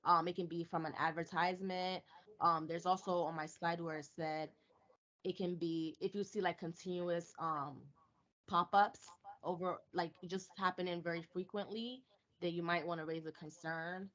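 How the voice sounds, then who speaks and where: A woman's voice: lowish voice, fairly even intonation, normal speed, fairly bright tone. A woman on a video call, answering questions informally and tentatively as a seminar presenter. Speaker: seminar presenter, new to cybersecurity. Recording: dull, lo-fi video call audio.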